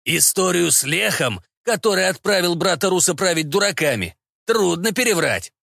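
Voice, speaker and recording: A man voicing a calm, shrewd male official in an audiobook reading. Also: high voice, creaky, dry recording, studio quality, pitched above the performer's own voice, full character voice. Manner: calm, measured.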